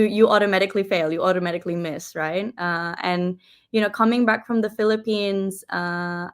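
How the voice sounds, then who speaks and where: A young New Zealand woman competing in a pageant answers interview questions reflectively and earnestly, slipping in Filipino phrases. Her voice sits on the low side.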